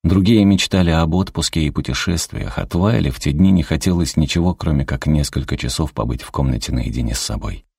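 Very deep-voiced male narrator. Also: fairly quick, creaky, few pauses, a little mellow, slightly rough, no room sound, studio quality. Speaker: audiobook narrator. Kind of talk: audiobook narration.

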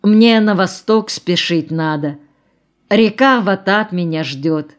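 A woman's voice: fairly low pitch, animated, slow. A woman reading the part of a male geologist and party chief, plain, dry and wry, in an audiobook. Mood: weary.

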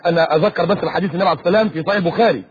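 A man with an Egyptian accent preaching on the radio in an animated way, often mimicking other people's voices. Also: a little high. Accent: Egyptian Arabic. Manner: rapid, animated, mimics voices mid-talk. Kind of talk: lively preaching talk. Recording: dull lo-fi radio recording.

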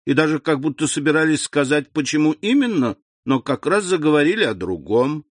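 A man voicing a gracious society hostess in a high, light, coaxing voice. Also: sing-song, fairly quick, dry recording.

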